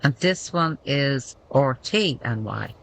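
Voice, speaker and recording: A woman's voice: extremely low pitch, expressive, slow, gravelly, fairly bright tone, a little hiss or hum, low-quality recording. A woman giving casual gameplay commentary, thinking aloud and reading menu text out as she goes.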